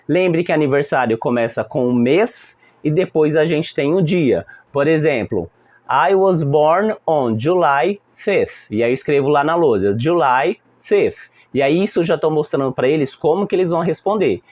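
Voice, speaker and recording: A man with a Brazilian Portuguese accent, a teacher explaining a lesson plan to other teachers and acting out how the class talks back. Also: on the high side. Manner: animated, acting out classroom exchanges. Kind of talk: instructional talk to fellow teachers.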